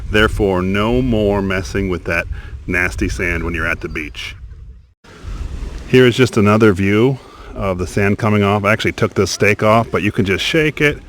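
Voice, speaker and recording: A man's voice: lowish voice, a bit bright, slight background noise. A man chatting casually and upbeatly as he reviews a product, partly outdoors at a beach. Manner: chatty, upbeat, thinking aloud.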